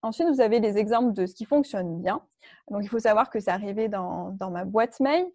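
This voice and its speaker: A woman's voice: mid-range voice, a little fast, dark tone, no echo. A woman leading an online workshop, explaining step by step with frequent fillers and restarts. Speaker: workshop trainer.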